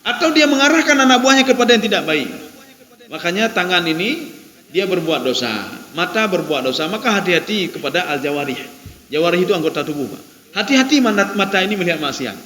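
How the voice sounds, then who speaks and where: A man's voice: high voice, very animated, fast, pushed and bright. A man with an Acehnese accent giving a conversational sermon in a mosque. He keeps addressing his listeners directly and repeats phrases for emphasis. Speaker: Islamic preacher. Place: mosque hall. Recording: echoey mosque hall with long reverb.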